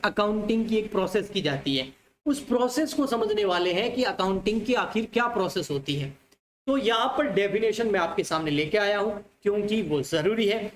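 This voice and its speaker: A man's voice: high voice, slight background noise. Guy teacher lecturing online, keeps repeating stuff and asking questions, roomy sound. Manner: repetitive, asks students questions, calls them dear children. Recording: echoey room, faint ambience.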